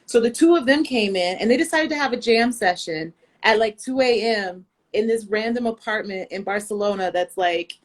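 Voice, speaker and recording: An American woman chatting casually, telling a lively story full of fillers and asides. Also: medium pitch, normal speed, few pauses. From United States. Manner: animated storyteller, lots of fillers. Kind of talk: casual chat.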